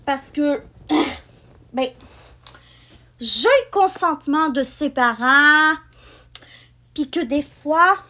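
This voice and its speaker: A young woman vlogger, talking casually with fillers and pauses. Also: high-pitched, expressive, pushed and bright. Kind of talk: casual vlog talk.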